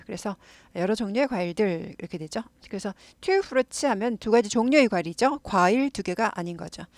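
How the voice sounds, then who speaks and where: A woman explaining English phrases to learners, patiently repeating words slowly to model how they sound. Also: medium pitch, darkish tone, dry recording. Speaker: English teacher.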